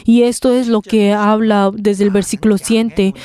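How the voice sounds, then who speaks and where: Halting woman interpreting a sermon. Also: medium pitch, fairly even intonation, warm tone, clear, resonant tone. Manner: halting, with many pauses and restarts.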